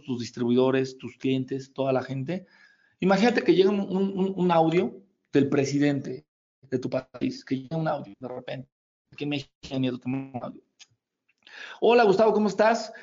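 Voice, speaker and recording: Mexican man, middle-aged, chummy motivational trainer, slightly high voice, muffled lo-fi sound. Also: a little mellow. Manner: folksy and joking, calls the listener compadre. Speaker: network marketing trainer. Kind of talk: motivational coaching talk. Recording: dull lo-fi recording.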